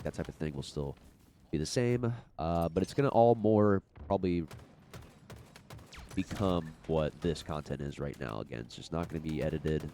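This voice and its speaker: A man's voice: very deep voice, warm tone, a little hiss or hum. A young man with a stuffy, congested voice, rambling through an unedited podcast-style chat about his gaming channel. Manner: rambling, many fillers and restarts. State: congested from a cold.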